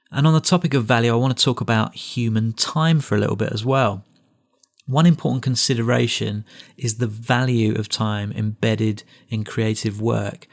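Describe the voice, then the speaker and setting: A man's voice: mid-range voice, vocal fry. A middle-aged man giving a reflective lecture, often restarting phrases and adding asides. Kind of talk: recorded lecture.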